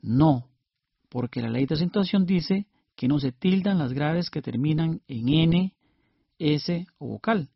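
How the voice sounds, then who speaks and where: A man's voice: a little high, lively intonation, unhurried, gravelly, slightly rough, dry recording. A man on a scripted educational radio show, explaining spelling rules step by step. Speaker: co-host playing the student. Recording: dry, lo-fi radio recording.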